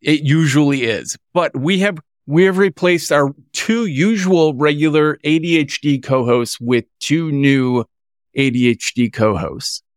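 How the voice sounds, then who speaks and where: A man hosting a podcast in casual chat, upbeat and quick to laugh. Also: on the high side, no echo, studio quality. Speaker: podcast host.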